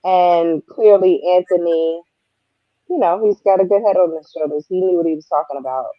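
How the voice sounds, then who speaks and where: A woman's voice: fairly low pitch, moderate pace, no room sound. A woman giving her opinions in casual chat over a headset mic, her voice muffled as if heard through a wall. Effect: muffled, dull sound as if through a wall. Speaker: panelist on a TV recap show.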